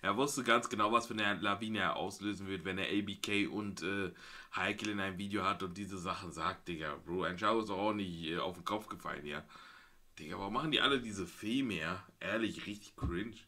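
A man hosting a casual chat, interjecting loudly in slang. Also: low voice, a little fast. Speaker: host.

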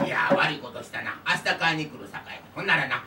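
A woman's voice: deep voice, fast, background noise, voice pushed down, natural voice. A woman voicing a sly, easygoing middle-aged man who drawls and chuckles in a Kansai accent, in a live puppet story with music. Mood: coaxing. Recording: roomy live hall, mic far off, instrument music.

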